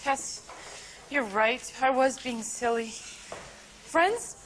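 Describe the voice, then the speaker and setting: A bossy, exasperated teenage girl from a broad sitcom. Her high voice swings widely and lands hard on key words, on a noisy old TV recording. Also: animated, slow. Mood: conciliatory. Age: young adult. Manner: emphatic, theatrical. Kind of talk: broad teen sitcom acting. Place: studio fast-food kitchen set.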